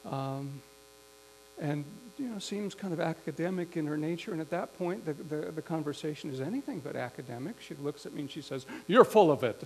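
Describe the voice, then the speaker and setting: A man preaching a sermon, telling a story slowly and reflectively with some restarts. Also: a little high, expressive, a little mellow, poor audio. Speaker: pastor. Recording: faint mains hum.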